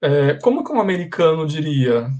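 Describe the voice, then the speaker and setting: A male teacher with a Brazilian accent leads a live class. He repeats each example slowly and questions his students often. His pitch sits in an ordinary middle range. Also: darkish tone, dull audio. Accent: Brazilian Portuguese. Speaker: English teacher.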